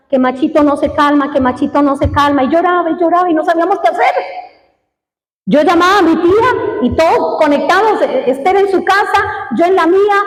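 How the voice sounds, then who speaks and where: A woman preaching a sermon to a congregation, telling a personal story with emotional, dramatic swings in her voice. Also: high-pitched. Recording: echoey hall.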